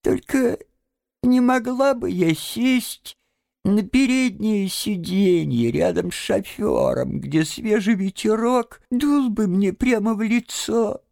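A man voicing a boastful, panicky male toad who squeaks in a simpering falsetto while disguised as a washerwoman, in an audiobook. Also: slow pace, vocal fry, a little mellow, no room sound, studio quality, full character voice. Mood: feeble simpering. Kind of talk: audiobook character voice.

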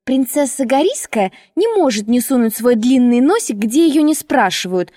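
A woman's voice: a little high, sing-song, moderate pace, warm tone, dry recording, clean studio sound. A woman voicing a venomous, sneering schoolgirl in an audiobook, hissing her words. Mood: spiteful. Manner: hissing and spiteful. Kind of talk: audiobook character reading.

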